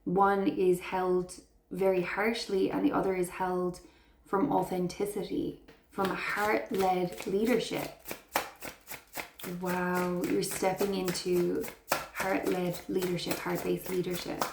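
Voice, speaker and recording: A woman's voice: lowish voice, little pitch movement, slow pace, vocal fry, echoey room, noisy background. A woman giving an intuitive tarot reading to her viewers, speaking in an earnest, affirming way and heaping praise on them. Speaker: tarot reader.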